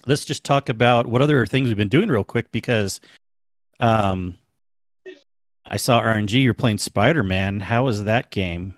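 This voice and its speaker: A man hosting a casual gaming podcast, easygoing and quick to laugh. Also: on the low side, no echo, studio quality. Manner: easygoing, laughs often, many fillers. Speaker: podcast host.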